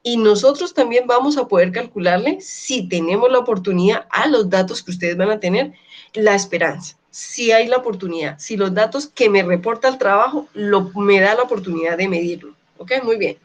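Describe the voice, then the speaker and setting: A woman lecturer teaching an online class, often checking in with her students and slowly repeating key words. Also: medium pitch. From Colombia. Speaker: university lecturer.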